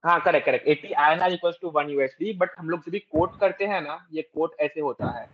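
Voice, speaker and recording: Indian male tutor, slightly high voice, explains step by step and quizzes students, dry lo-fi call audio. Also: fairly quick, dry recording. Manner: explanatory, switches between Hindi and English, quizzes students. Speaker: actuarial finance tutor. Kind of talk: online class lecture. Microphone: video call.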